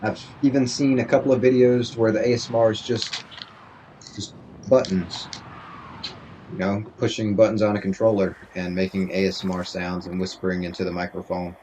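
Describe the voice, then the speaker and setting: A man's voice: lowish voice, steady tone, normal speed, darkish tone, slight background noise, low-quality recording. A man streaming a game from his home stream room, chatting with viewers in a rambling, easygoing way and laughing often into his desk mic. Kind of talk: casual chat with viewers while gaming. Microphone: desk microphone.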